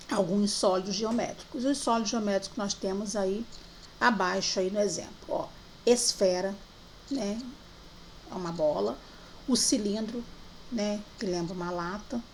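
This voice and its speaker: Woman teacher from Brazil, gravelly voice, slow drawn-out syllables, remote worksheet lesson for small kids, faint hiss behind. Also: medium pitch.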